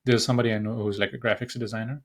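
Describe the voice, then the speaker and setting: A man's voice: medium pitch, little pitch movement, very fast. A young man from Nepal hosting a solo podcast, talking casually and rambling with many fillers and restarts. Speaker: podcast host.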